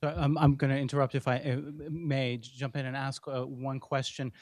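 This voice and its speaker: A man's voice: medium pitch, flat delivery, a little fast, a little mellow, no room sound. A man from the audience asking a question, polite and stumbling over his words.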